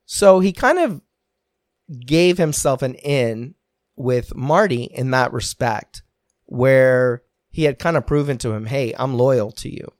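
A man candidly recounting a painful personal story, earnest and reflective, pausing and restarting as he talks. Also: mid-range voice, dry recording, clean studio sound. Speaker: podcast guest telling his story.

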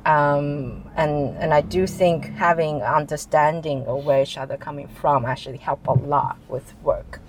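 A woman's voice: low voice, steady tone, measured pace, few pauses, a little hiss or hum, rough recording. A woman who grew up in Taiwan, answering interview questions in a chatty way with frequent laughs and restarts. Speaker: interview guest, chief information officer.

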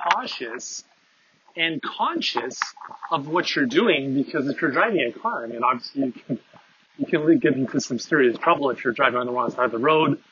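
A man's voice: mid-range voice, sharp tone. Podcast host, man, casual and filler-heavy; tin-can earbud sound, dull and muffled. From Canada. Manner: rambling, filler-heavy, conversational. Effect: tinny, tin-can sound from earbud mic. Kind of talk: casual monologue while walking. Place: outdoors on a walk, windy. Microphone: phone with wireless earbuds. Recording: tinny muffled earbud mic, faint wind.

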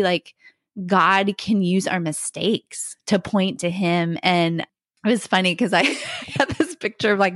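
Middle-aged woman on a podcast, lively storytelling, laughs a lot, dry close sound. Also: medium pitch, no room sound. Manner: animated storyteller, laughing often, acting out quotes. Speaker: podcast co-host. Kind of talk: casual faith podcast storytelling.

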